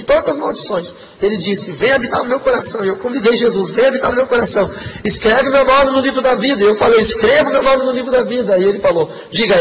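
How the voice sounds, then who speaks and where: A man giving an earnest, emotional testimony sermon to a congregation. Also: high voice. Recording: long hall reverb, faint background noise.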